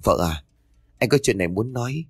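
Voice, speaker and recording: A man's voice: mid-range voice, expressive, fairly quick, slightly rough, no room sound, studio quality. A man voicing a selfish young husband who talks in a dismissive, evasive way. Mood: persuasive.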